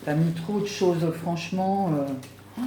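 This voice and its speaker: A woman's voice: fairly low pitch, measured pace, warm tone, a little hiss or hum. A woman chatting casually at home as she unboxes gifts, effusive and exclaiming with delight. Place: home room. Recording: roomy home recording.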